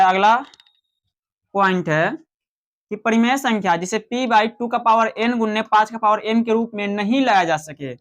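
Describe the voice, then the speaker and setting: Slow-explaining Hindi maths teacher, man. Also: high-pitched, a bit bright. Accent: Bihari Hindi. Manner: slow, explanatory, asks questions and answers them himself. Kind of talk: classroom maths lecture.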